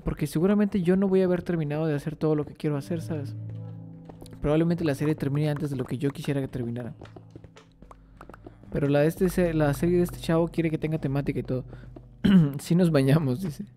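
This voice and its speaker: Mellow-voiced Mexican man rambling through gameplay. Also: on the high side, fairly even intonation, fast talker, soft background music. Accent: Mexican Spanish. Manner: rambling, playful, poses questions to viewers. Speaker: gaming streamer. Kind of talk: casual gameplay commentary.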